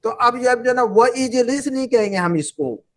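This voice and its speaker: A woman's voice: fairly high pitch, lively intonation, normal speed. Casting note: a patient woman teacher, repetitive, keeps asking the class questions, classroom lesson. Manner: repetitive, drills students with questions. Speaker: Arabic teacher.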